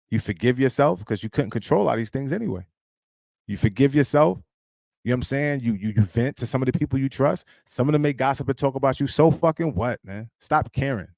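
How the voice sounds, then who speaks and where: A man in his thirties talks straight to his live-stream audience with a gravelly, fry-laden voice, recorded close and dry. He is blunt and emphatic and swears freely, like a preacher of street-level life advice. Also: medium pitch, brisk, darkish tone, no room sound. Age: 30s.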